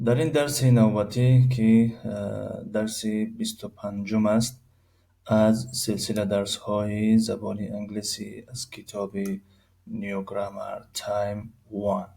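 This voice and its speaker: A man with a Tajik accent teaching an English grammar lesson, repeating English phrases slowly and translating them with many fillers. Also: fairly low pitch, flat delivery, vocal fry, mellow.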